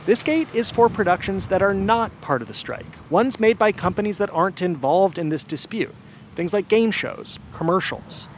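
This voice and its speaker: A man's voice: high-pitched, moderate pace, slight background noise. A man hosting a radio show, narrating a story in a scripted, storytelling way. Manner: lively, storytelling delivery.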